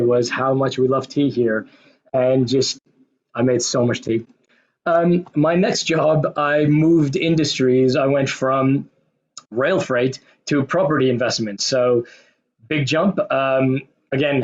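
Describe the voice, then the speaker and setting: A man's voice: on the high side, highs cut off. A man in his forties from Pakistan with an American accent, giving a conversational, self-deprecating talk about his career as a guest speaker. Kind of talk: conversational presentation.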